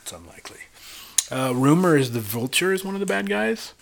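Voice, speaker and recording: A man's voice: a little high, very animated, fairly quick, vocal fry. Male co-host, casual and eager, tends to ramble and over-explain. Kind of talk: casual chat.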